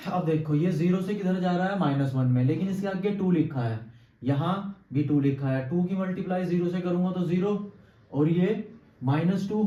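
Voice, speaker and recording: A man's voice: on the high side, mellow. A man teaching chemistry in a lecture, asking questions and answering them himself step by step. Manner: quizzes students with constant checks like "clear?"; answers his own questions, slow stepwise counting. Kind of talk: classroom lecture at a board. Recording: echoey room, distant mic, dull sound.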